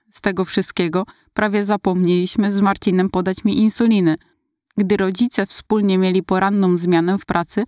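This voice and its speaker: Woman, read-aloud personal story, steady narration, mid pitch, dry close mic. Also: dry recording. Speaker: storyteller recalling her childhood.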